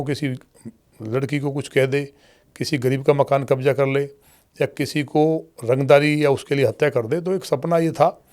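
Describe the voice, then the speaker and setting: A man who is a state legislator, answering interview questions at length in a measured storytelling way and using formal honorifics for other leaders. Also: medium pitch, darkish tone. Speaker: politician guest, state legislator. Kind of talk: long-form podcast interview answers.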